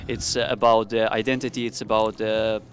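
A man's voice: lowish voice, level tone, normal speed, faint music behind. A young man with a Ukrainian accent answering interview questions as a singer-songwriter, speaking into a handheld mic.

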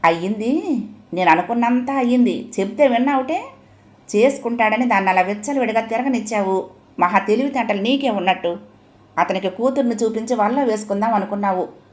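A woman's voice: fairly high pitch, lively intonation, brisk, lightly acted. A woman voicing an irritable middle-aged father who scolds his wife sarcastically, in an audio story. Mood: scolding.

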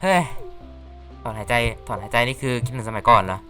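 A man's voice: medium pitch, lively intonation, fairly quick, bright, forceful tone, soft background music. A man casually commentating a farming game, chatty and playful, reading the characters' lines aloud. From Thailand. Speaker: gaming YouTuber. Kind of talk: casual Let's Play commentary.

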